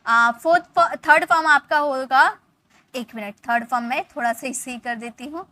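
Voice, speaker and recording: Bright, high-voiced woman teaching English grammar. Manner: explains step by step, checking in with "ठीक है" and "okay"; reads English example sentences slowly and deliberately. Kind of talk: Hindi-language English grammar lesson.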